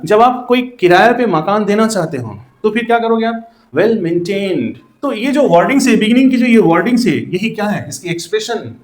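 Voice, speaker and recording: A man's voice: sits high, reverberant. A male teacher giving an explanatory lecture, mixing English phrases into his teaching and often repeating "that means, you know.". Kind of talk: classroom lecture.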